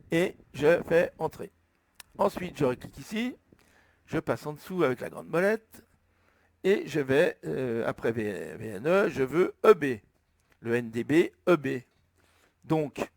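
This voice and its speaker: A man with a French accent slowly explaining, step by step, how to enter a flight plan, thinking aloud as he goes. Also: mid-range voice, vocal fry, no echo. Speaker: flight sim tutorial maker. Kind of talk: screen-recorded tutorial narration.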